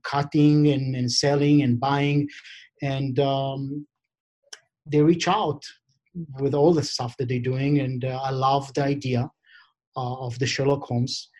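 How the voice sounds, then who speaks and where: A middle-aged man with an Israeli accent, a guest on a podcast, talking in a casual, halting way with many fillers. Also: medium pitch, darkish tone. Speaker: guest, diamond equipment vendor.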